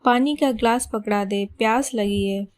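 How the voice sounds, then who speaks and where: A woman's voice: fairly high pitch, moderate pace, a little mellow, no echo, lightly acted. A woman voicing a bossy old mother-in-law. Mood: demanding. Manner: complaining, bossy calls. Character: stubborn elderly mother-in-law, demanding and peevish.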